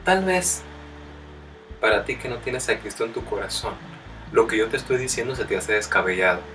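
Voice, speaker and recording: A fervent male preacher whose throat sounds strained. He calls the listener brother and builds into loud, emphatic bursts. He is picked up from a distance, with faint music underneath. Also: mid-range voice, animated, normal speed. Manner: addresses the listener directly as brother. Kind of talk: sermon.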